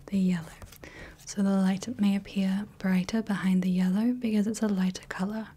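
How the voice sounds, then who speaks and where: A woman voicing a gentle female clinician in a whispered role-play, softly reassuring as she runs light tests. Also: medium pitch, little pitch movement, slight background noise, lightly acted. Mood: soothing. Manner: soft, slow, reassuring, checks in often. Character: gentle female clinician testing the viewer's eyes. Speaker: ASMR creator playing a clinician running light tests.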